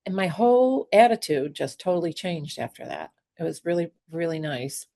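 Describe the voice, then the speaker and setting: Earnest woman telling her story, low voice. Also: animated, mellow. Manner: earnest, halting with many fillers. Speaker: guest. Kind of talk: emotional personal storytelling.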